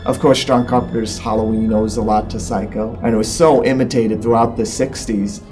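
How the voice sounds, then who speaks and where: A man's voice: lowish voice, little pitch movement, normal speed, music in the background. A man commenting on film history in a documentary interview, matter-of-fact.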